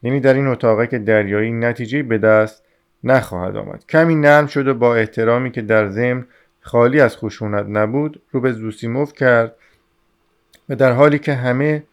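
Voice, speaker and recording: Male narrator in a mid register, reading a novel aloud with measured delivery. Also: mid-range voice, clear, resonant tone, muffled recording. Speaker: audiobook narrator.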